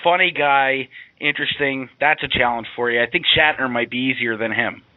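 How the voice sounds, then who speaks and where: A man co-hosts a casual radio talk show, chatty and quick to laugh. His voice sits at a middle pitch. It comes through a dry, tinny, phone-like line. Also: no echo. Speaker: co-host. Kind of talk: casual chat.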